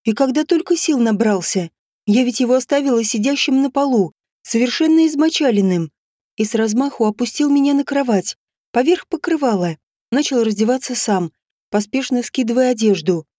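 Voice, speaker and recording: A woman's voice: on the high side, expressive, normal speed, dark tone, no echo, clean studio sound. Woman reading a first-person audiobook. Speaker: audiobook narrator.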